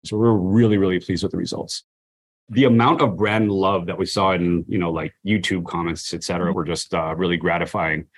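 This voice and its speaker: Low-pitched and brisk with a steady tone, the interview guest is a brand marketer giving relaxed, chatty answers about his job and leaning often on "you know" and "like."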